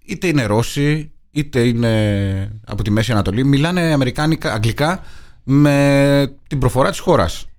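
Male co-host, mid-pitched, relaxed, agreeable, adds to the other's points. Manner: easygoing, agreeable, chimes in. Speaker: podcast co-host. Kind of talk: casual film chat.

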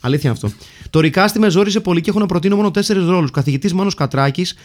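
A man's voice: high-pitched, animated, a little mellow. A man with a slightly raised voice hosts a casual, joking film talk. He reads out listener mail and cast lists in a playful, bantering way. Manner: jokey, reads lists of names and titles. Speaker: podcast host reading listener mail. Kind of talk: casual comedic film chat.

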